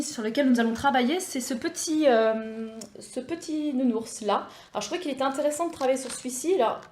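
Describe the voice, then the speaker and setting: A woman's voice: a little high, darkish tone. A woman hosting a craft tutorial, explaining products in a chatty way with many hesitations and restarts. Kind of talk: explaining a scrapbooking product review.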